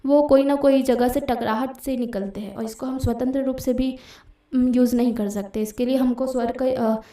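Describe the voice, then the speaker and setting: Female teacher, highish mellow voice, explaining patiently and repeating key terms, roomy echo. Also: fairly even intonation, moderate pace, far from the mic. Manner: explanatory, repeats and checks with "theek hai". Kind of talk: exam-prep grammar lesson.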